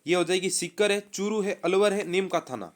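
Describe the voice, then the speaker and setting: A man teaching a live online exam-prep quiz class, reading options and repeating answers in a brisk, quizzing manner. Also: high voice.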